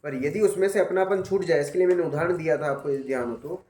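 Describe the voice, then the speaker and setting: A man's voice: fairly high pitch, fast talker, darkish tone. Man giving patient class feedback. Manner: patient, repeats "ठीक है ना?" to check understanding. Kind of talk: spoken feedback in a class session. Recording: roomy echo.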